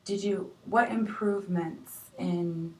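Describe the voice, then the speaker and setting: A woman plays a patient marriage counselor who speaks gently and hesitantly, filling pauses with ums. Her voice sits a little low and is picked up from a distance in an echoey room with faint noise. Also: fairly even intonation. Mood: calm. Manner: gentle, hesitant with many fillers. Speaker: counselor in role-play. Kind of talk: amateur improvised role-play.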